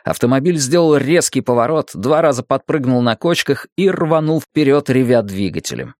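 A man narrating a dramatic audiobook in a steady, measured way. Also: medium pitch, no room sound, clean studio sound.

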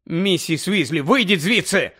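A man voicing a startled teenage boy wizard who calls out urgently, a little above his own pitch. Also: sing-song, a little slow, bright, forceful tone, exaggerated voice.

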